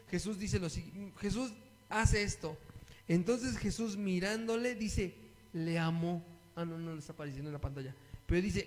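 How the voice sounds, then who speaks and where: High-voiced man preaching in an echoing hall. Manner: reads scripture aloud and asks the listeners questions. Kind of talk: sermon Bible study. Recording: long echo of a hall.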